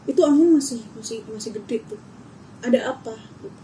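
High-voiced young woman telling a story. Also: fairly quick, slight background noise, rough recording. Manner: animated, acts out her own shouts and screams; casual slangy speech. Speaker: guest telling her experience. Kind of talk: casual storytelling.

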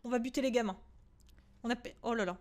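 High-voiced young woman streaming a horror game. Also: fast. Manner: chatty, swears, repeats "wait" in bursts, shrieks at scares. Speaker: gaming streamer. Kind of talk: let's-play commentary of a horror game.

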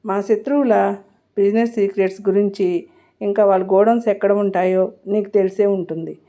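A man's voice: steady tone, normal speed, dark tone. A woman reading the lines of a ruthless male mafia boss in a storybook reading, with a cold, threatening manner, on a muffled recording. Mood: menacing. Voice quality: deep bass voice.

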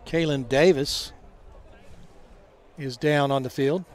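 A man doing live football play-by-play commentary in a halting, conversational way. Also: mid-range voice, fairly even intonation. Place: outdoor college football game. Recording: crowd noise behind, outdoor stadium. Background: game crowd.

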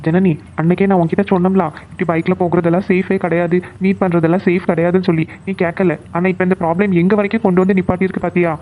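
A man's voice: high-pitched, flat delivery, rapid-fire, hardly any pauses, lightly acted. A man voicing a firm, protective young friend, lecturing his friends. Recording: tinny phone-like recording.

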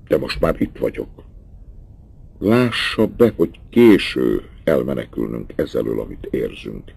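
A man's voice: low voice, gravelly, dark tone, husky, no room sound, pitched above the performer's own voice, exaggerated voice. A male audiobook reader voicing a passionate young man who speaks eagerly and insistently. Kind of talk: audiobook dialogue.

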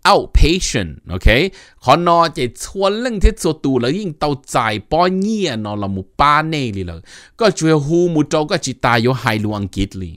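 A middle-aged man hosting a casual informational talk, animated and mixing in English terms. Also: mid-range voice, no echo, studio quality. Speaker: host giving advice.

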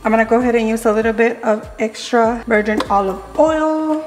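A vlogger in her thirties chats casually through a cooking video in a large home kitchen, slipping in Spanish phrases now and then. Her voice is fairly high and a little fast. The recording carries a roomy kitchen echo along with background music.

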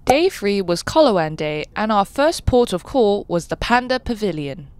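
A young woman giving a scripted, even voice-over for her travel vlog. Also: medium pitch, moderate pace. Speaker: travel vlogger.

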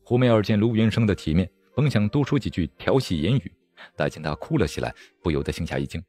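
A man narrating a martial-arts novel aloud in a dramatic, expressive storytelling manner. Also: deep voice, quick pace. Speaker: audiobook narrator. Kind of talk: storybook reading of a wuxia novel.

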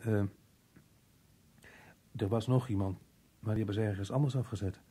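An actor playing a muddled, evasive working man in an old radio drama, halting and puzzled, with a rough, husky voice. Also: fairly low pitch, fairly even intonation, warm tone. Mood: rambling, confused. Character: muddled, evasive working-class man, slow to grasp questions.

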